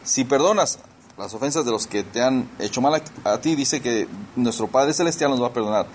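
A man's voice: mid-range voice, a little fast, slight background noise. A pastor preaching a sermon. He explains scripture verse by verse, repeats key words for emphasis, and speaks directly to his congregation as brothers and sisters.

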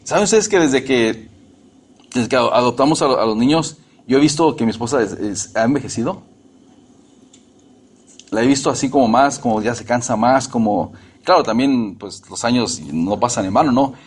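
Husky middle-aged man preaching emphatically. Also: medium pitch, expressive, normal speed. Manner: emphatic, repeats and restarts phrases. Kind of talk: sermon.

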